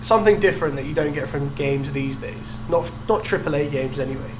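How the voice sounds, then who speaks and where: A young man with a slightly high voice talks fairly quickly while co-hosting a casual podcast about video games. The room gives an echo, with a steady hum and background noise.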